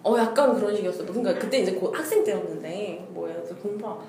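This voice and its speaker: A woman's voice: medium pitch, racing, gravelly, mellow. A woman co-hosting a casual chat, often laughing while she tells her own dating stories. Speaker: podcast co-host. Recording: echoey room, faint noise.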